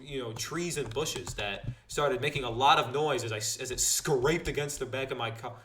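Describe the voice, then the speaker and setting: A man's voice: normal speed, pushed and bright, slight background noise. Rambling teenage boy vlogger. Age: teens. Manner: rambling, lots of fillers and restarts; acts out dialogue with big pitch jumps. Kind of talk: casual storytelling vlog.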